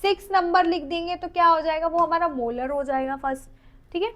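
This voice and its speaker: A woman with an Indian accent teaching a dental anatomy lecture. She reads English lines slowly, then explains them in Hindi with questions to the class, and counts teeth aloud under her breath. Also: very high voice, steady tone. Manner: counts teeth aloud while drawing, trailing off softly. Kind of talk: exam-oriented lecture.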